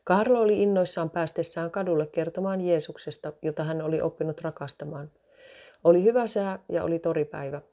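Woman storyteller, low mellow voice, steady scripted read. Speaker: narrator.

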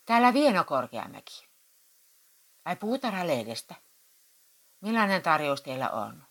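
A woman voicing a patient, mild-mannered wife who speaks calmly. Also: on the low side, voice pushed up, heavily acted. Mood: polite. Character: patient soft-spoken wife.

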